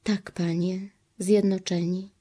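A woman reading devotional messages in a solemn, hushed, heartfelt way. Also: fairly low pitch, level tone, takes it slowly, husky.

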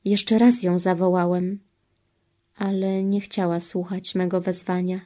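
A woman reading as Jesus, slow and sorrowful. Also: on the low side, little pitch movement, dark tone, lightly acted. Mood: grieving. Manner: solemn, sorrowful, slow and measured. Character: Jesus, grieving divine man, tender and pleading. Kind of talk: devotional reading.

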